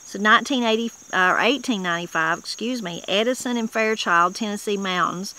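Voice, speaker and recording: A middle-aged Southern Appalachian woman hosts her channel outside in a wooded yard, casually reading dictionary definitions of old mountain words with plain, homespun talk and frequent restarts. She speaks fairly quickly at medium pitch in a bright, forceful tone, and the audio is poor.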